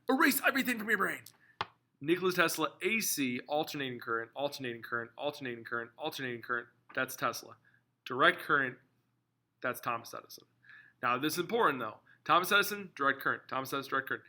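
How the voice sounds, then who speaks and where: An energetic man lectures as a history teacher, drilling key terms by repeating them over and over. His voice is bright and forceful, and it sits a little above the usual pitch for a man. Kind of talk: classroom lecture video.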